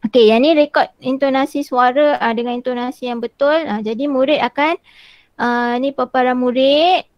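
A woman teacher, demonstrating a tool in an online workshop and filling pauses with "ah" over a video call. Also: high-pitched, no room sound, muffled recording. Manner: chatty, frequent "ah" fillers while walking through screens.

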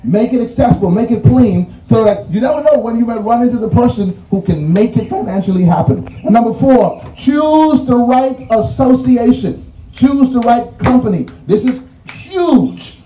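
A high-voiced Bahamian man delivers a graduation address with a preacher's cadence, hammering home numbered points and repeating phrases for weight. His tone is mellow rather than bright, and he sounds set back from the mic in a roomy, echoing space. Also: lively intonation, normal speed, a little hiss or hum. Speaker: commencement speaker. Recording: roomy echo, distant mic, faint music.

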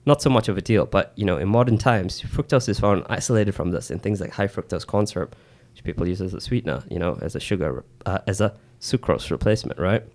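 A man explaining things informally and haltingly as a podcast co-host, close on a studio mic. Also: low-pitched, expressive, a little mellow. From New Zealand. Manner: halting, informal, peppered with "you know". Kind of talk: casual explanatory chat. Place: small indoor podcast studio. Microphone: close boom-arm studio mic with headset.

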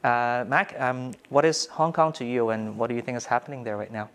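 A man's voice: medium pitch, steady tone, brisk, fairly bright tone. A man in his thirties moderating a studio panel discussion as host, speaking in a hesitant, thoughtful way on a lapel mic. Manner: hesitant, thoughtful, with many fillers. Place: dark studio stage.

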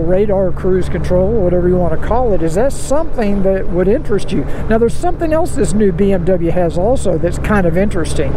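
A man vlogging from his motorcycle on city streets, talking casually and rambling with frequent pauses, through a helmet mic. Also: sits high. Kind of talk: casual moto-vlog commentary. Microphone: helmet-mounted wireless mic. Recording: road and wind noise behind the voice.

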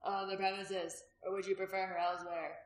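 A woman reading the part of a sly, prosperous, graying male innkeeper who talks loudly and teasingly, in a storybook reading. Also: medium pitch, little pitch movement, a little fast, close to an everyday voice. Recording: roomy echo.

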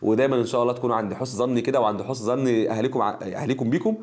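A man's voice: medium pitch, very fast, darkish tone. A man with an Egyptian Arabic accent, a teacher chatting on the phone with students, effusive and full of blessings and jokes. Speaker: teacher hosting prize calls to students. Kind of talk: casual phone chat with students.

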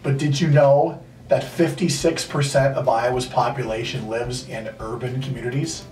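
A man's voice: mid-range voice, steady tone, moderate pace, a little mellow. Sarcastic iowa guy in his 30s, smug comic lines, kinda distant echoey room. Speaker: radio station staffer in comedy video. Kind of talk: sarcastic comic monologue to camera. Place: indoor studio set. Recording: echoey room, distant mic, faint music.

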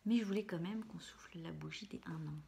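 Female ASMR host, breathy whispered vlog talk, slightly low, unhurried pauses, plain camera sound with some noise. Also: dark tone. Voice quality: breathy whisper, mostly unvoiced. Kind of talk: soft whispered casual vlog. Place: small room at home, indoors. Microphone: camera close in front, no external microphone. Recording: faint hiss and clicks, no studio microphone.

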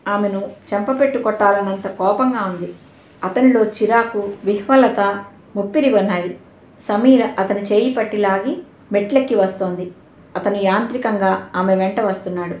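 A woman's voice: mid-range voice, darkish tone. Woman narrating an audio novel. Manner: measured storytelling. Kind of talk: scripted narration. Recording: roomy echo.

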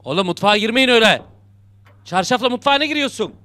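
A man's voice: high voice, expressive, quick pace, pushed and bright, no echo. A young man commenting on a horror game he plays, joking and muttering to himself and yelping when startled. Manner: jokey, talks to himself, muttering then yelping in fright. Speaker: gaming YouTuber.

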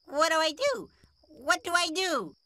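A man's voice: sits high, lively intonation, takes it slowly, full character voice. A man voicing a childish, selfish cucumber king in a cartoon musical story, dramatic and goofy. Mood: distressed. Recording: loud music behind the voice. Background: loud children's music.

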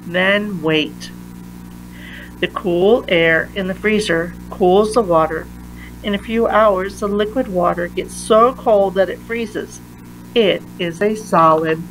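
Reading a picture book aloud to children, a woman goes slowly and carefully, pausing between phrases in a medium-pitched voice. The recording is low quality, with a faint hum of noise in the background.

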